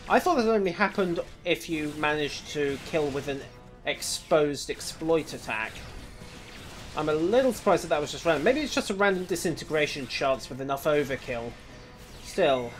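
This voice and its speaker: A man's voice: on the high side, animated, moderate pace, faint music behind. A man casually commenting on his gameplay with dry, wry asides. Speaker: let's play host.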